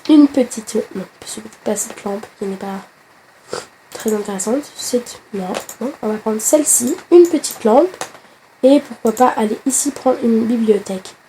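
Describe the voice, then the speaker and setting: A woman with a hoarse voice from a flu, chatting straight to the viewer in a casual game tutorial, with hesitant fillers. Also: on the high side, normal speed, warm tone, slight background noise. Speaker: gaming tutorial host.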